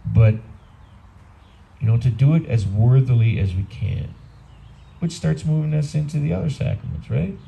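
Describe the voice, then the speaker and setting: Gravelly and warm, the medium-pitched voice belongs to an Upper Midwest American priest in his sixties who speaks at normal speed with lively intonation and frequent pauses. He gives a conversational, unpretentious homily outdoors under a patio canopy in a garden, recorded from far away by a camera.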